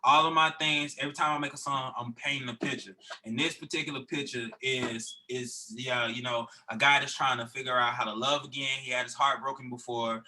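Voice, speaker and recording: A man with a very bright, forceful, sharp voice talks loosely about his music as a podcast guest. He rambles, circles back and restarts his thoughts often, full of "um" and "you know". His pitch sits right in the middle for a man. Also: fairly even intonation, brisk, few pauses, slight background noise, poor audio. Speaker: recording artist guest. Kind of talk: casual podcast interview.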